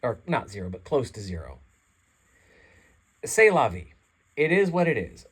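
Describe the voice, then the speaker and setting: A man's voice: mid-range voice, sing-song, fast talker, slightly rough. A congested man reading his own essay aloud in an earnest, rambling, self-deprecating way, then signing off casually. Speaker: channel host reading his own article. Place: seated in a chair. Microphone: home microphone, some chair rubbing.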